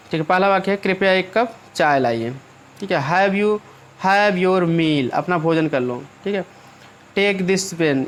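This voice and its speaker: A male teacher with a high voice talks through English test questions in Hindi, restating each answer in several ways. He keeps checking in with his students and slows down carefully whenever he reads an English sentence aloud. A faint noise sits under the recording. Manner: repeats and rephrases, often checks in with "ठीक है". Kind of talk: exam-prep lesson explaining English in Hindi.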